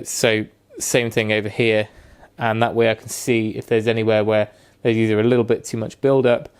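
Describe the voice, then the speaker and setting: A man with a fairly low voice talks through his work in an easygoing, practical way, filling his pauses with ums and uhs. He sounds like a hands-on tradesman recording his own how-to video indoors. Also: darkish tone. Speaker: woodworking restoration vlogger. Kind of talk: casual how-to narration.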